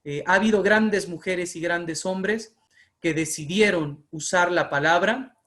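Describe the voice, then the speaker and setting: A man's voice: sits high, a little slow, fairly bright tone. Impassioned Mexican man giving an online lecture. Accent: Mexican Spanish. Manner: impassioned, emphatic, rhetorical repetition. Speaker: oratory workshop speaker.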